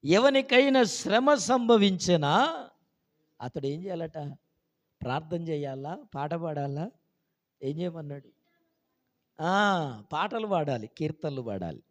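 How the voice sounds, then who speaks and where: A man preaching a sermon as pastor. He switches between quiet asides and loud, rising exclamations, and he questions the congregation. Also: a little high, expressive, unhurried, long pauses, long reverb tail. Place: church hall.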